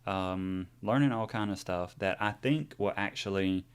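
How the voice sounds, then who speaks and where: Speaking a bit slowly, a podcast co-host in his forties has a low voice and a clean tone. His casual conversation about his own life wanders, peppered with fillers and restarts.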